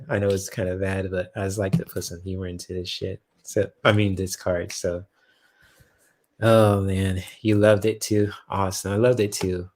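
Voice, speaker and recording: A man's voice: low-pitched, darkish tone. A man hosting a casual tarot live stream, chatting with viewers, laughing often and swearing loosely.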